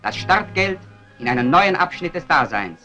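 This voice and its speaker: Bright emphatic man, old newsreel narration. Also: on the high side, big pitch swings, moderate pace, faint music behind. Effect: old newsreel archive sound. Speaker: newsreel announcer.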